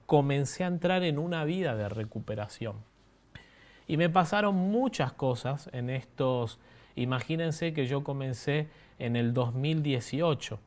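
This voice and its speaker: A man in his thirties with an Argentine accent, preaching a sermon and telling his own story in a conversational way, often asking the congregation questions. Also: mid-range voice. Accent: Argentine Spanish. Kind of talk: sermon with personal testimony.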